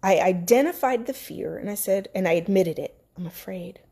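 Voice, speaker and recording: A woman's voice: mid-range voice, a little fast. A woman coach giving a personal motivational talk, emphatic and candid, addressing her listeners as guys and acting out her own inner voice. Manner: quotes her own inner voice in animated bursts. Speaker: business coach.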